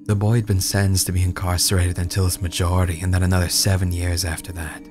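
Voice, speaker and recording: A man reading a first-person horror story dramatically, in a brooding, hushed, halting delivery with dramatic pauses. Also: deep voice, flat delivery. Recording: music bed under the voice. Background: background music.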